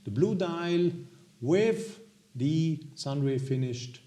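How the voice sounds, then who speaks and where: A man from Austria with an Austrian accent and a gravelly voice, casually presenting products to viewers as a video host in halting, hesitant phrases. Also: fairly high pitch, animated, mellow. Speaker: watch review video host.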